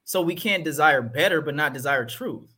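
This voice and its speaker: Husky guy talking church stuff, earnest and punchy, voice sits kinda high. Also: normal speed, sharp tone. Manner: earnest, emphatic, preacherly. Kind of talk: casual faith discussion.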